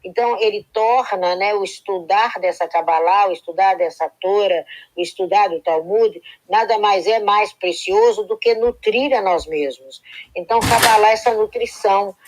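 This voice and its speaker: At medium pitch and normal speed, a woman's slightly mellow voice carries a flowing, reflective spiritual talk over a live stream, captured in a rough recording. She frequently adds "né" to keep her listeners engaged.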